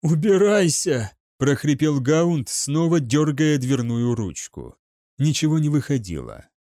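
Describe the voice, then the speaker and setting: A man's voice: mid-range voice, lively intonation, a little slow, mellow, dry recording, studio quality. A man reading an audiobook with dramatic, scripted narration. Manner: dramatic storytelling.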